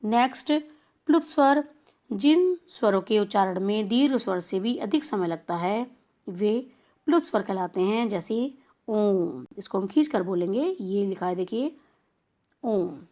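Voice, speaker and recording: A woman teacher talks a class of young children through a lesson. She goes at a patient, explanatory pace and stops to sound out each example clearly. Her voice sits at a middle pitch. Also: lively intonation, warm tone. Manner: slow, explanatory, spelling out sounds. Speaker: school teacher.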